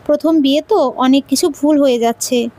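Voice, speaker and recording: A woman's voice: high-pitched, fairly quick, lightly acted. A woman voicing an affectionate young husband who jokes and teases his wife. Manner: gently teasing.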